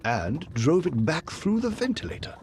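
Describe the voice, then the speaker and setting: Earnest Victorian doctor and companion, audio drama. Genteel, loyal, highly animated intonation. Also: male voice, normal speed. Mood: indignant.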